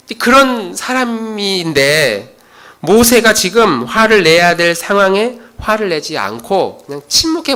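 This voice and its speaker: A man's voice: on the high side, sharp tone. A middle-aged male pastor preaching a sermon, acting out quarrels in his own voice.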